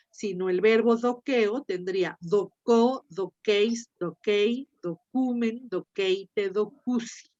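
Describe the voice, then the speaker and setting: A woman teacher with a Mexican Spanish accent lectures at an unhurried, deliberate pace, her voice sitting a little high. She patiently repeats each form, as if dictating to a class. The recording sounds dull and lo-fi. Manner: patient, spells out forms slowly and repeats them. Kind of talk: lecture on ancient Greek verbs.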